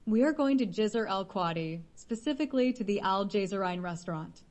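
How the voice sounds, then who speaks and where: A woman's voice: medium pitch, animated, a little fast, a little mellow, close to an everyday voice. A woman reading the lines of a cold, demanding businessman, curt and commanding, in an audiobook.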